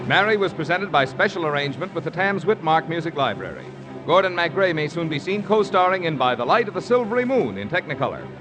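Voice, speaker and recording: On a vintage 1950s radio broadcast, a man serving as the show's announcer and sponsor spokesman reads scripted announcements with some music behind him. His voice is on the high side and talks fast, with big pitch swings.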